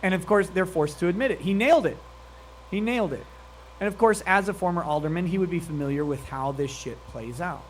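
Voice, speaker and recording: Man, fairly high voice, crude mocking live reaction host, light background hiss. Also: fast. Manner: crude, mocking, laughs often. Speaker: streamer commenting on a meeting clip. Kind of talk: profane live reaction commentary.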